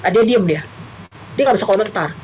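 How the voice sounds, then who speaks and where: A woman's voice: medium pitch, quick pace, a little mellow, slight background noise, poor audio. A middle-aged woman, a university lecturer, giving an earnest church talk to the congregation. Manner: earnest, addresses listeners as brothers and sisters. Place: church service.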